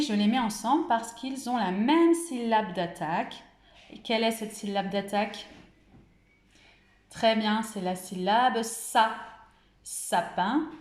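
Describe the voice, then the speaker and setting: A woman from France, a kindergarten teacher, records a home-school lesson in a slightly high voice with a roomy sound. Slow and carefully articulated, she stretches out each syllable.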